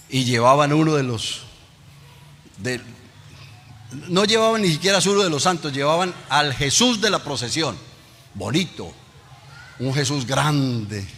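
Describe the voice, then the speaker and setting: A man's voice: on the high side, sharp tone. A man preaching a Pentecostal sermon as pastor, telling a story and calling on the congregation to repeat after him. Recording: long hall reverb.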